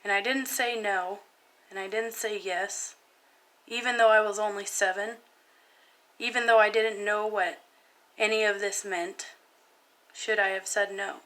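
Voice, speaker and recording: Young woman, bright and clear tone, hesitant spoken-word poem reading. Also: mid-range voice, steady tone, rough recording. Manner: soft, halting and hesitant. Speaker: vlogger.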